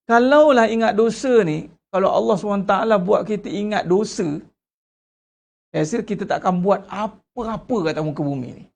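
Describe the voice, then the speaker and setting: A man preaching a sermon as a religious teacher, animated and full of rhetorical questions to his congregation. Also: high voice, moderate pace, gravelly.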